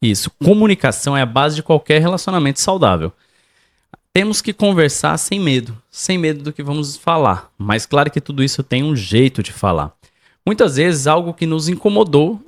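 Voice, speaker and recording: A man co-hosting a podcast, giving marriage advice in a didactic way and speaking straight to the listeners. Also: on the high side. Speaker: podcast co-host. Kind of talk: casual advice chat.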